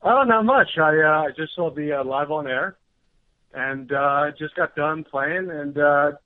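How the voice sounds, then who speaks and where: A man speaks over the phone as a call-in listener, his voice a little higher than usual for a man. He talks hesitantly and fills gaps with "uh." The sound is thin and phone-like, with a dry, close feel. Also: a little slow, no room sound. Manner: hesitant, filler-heavy. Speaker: caller. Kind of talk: call-in radio chat. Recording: tinny phone line.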